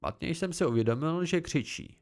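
A man's voice: a little high, lively intonation, darkish tone. A man reading an amateur audiobook, telling the story expressively in the first person. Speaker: audiobook narrator.

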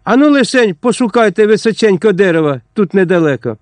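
A man's voice: sits high, lively intonation, brisk, darkish tone, dry recording, pitched above the performer's own voice. A man voicing a fierce, commanding Cossack leader who speaks sternly and in anger, in an audiobook. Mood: wrathful commanding.

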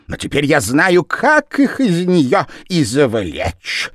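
A man reading aloud and voicing an excitable male shopkeeper who gushes and rattles on in a shrill, fast voice. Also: dry recording, studio quality, full character voice. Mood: gushing. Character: fussy excitable male shop owner.

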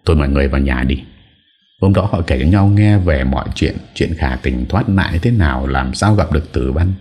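A man with an extremely low, dark voice narrates a story from a script. His delivery is calm and mellow, and he moves steadily through the scenes. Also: moderate pace. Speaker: audiobook narrator.

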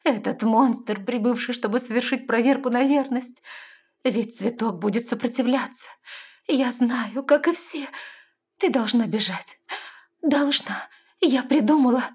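A woman's voice: fairly high pitch, measured pace, breathy edge, pitched above the performer's own voice. A woman voicing a frightened, loving queen mother who urges her daughter to flee. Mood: urgent. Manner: urgent, fearful, loud. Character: loving anxious queen mother, fearful, urgent.

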